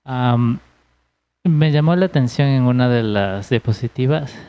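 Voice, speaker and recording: A man in the group rises to speak, polite and a little hesitant, and he talks slowly. He is off the microphone in the meeting room, so his voice comes through dull and lo-fi. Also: medium pitch, smooth. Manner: hesitant, polite question from the floor. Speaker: group participant. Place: meeting room, standing away from mic.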